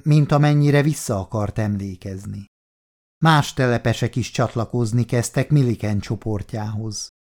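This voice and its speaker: The speaker is a man doing scripted narration for an audiobook. He reads at a medium pitch in an unhurried, even manner.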